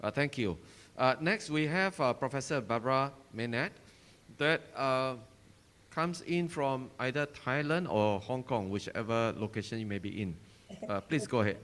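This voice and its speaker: Guy moderating a panel, lots of uh's, mid pitch voice. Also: normal speed, a bit bright. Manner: hesitant, many fillers.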